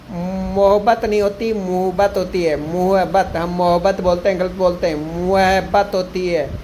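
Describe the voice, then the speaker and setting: A male teacher giving an exam-prep grammar lesson, repeating each word slowly to drill it. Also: high voice, a little hiss or hum, rough recording.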